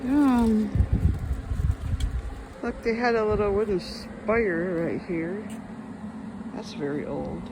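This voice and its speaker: A man in his fifties narrating a casual travel vlog in a fairly high voice, chatty and plain-spoken, often pausing on ums and starting sentences over. He talks outdoors, and the recording carries a clear layer of background noise. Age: 50s. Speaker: travel vlogger. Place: outdoors at a lighthouse.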